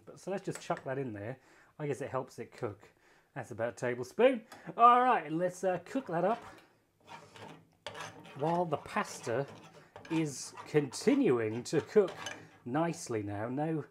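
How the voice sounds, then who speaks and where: A man's voice: a little high, a little hiss or hum. Chatty self-mocking British man. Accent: British English. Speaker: cooking vlogger. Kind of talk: casual cooking review. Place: home kitchen. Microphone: phone camera filming hands.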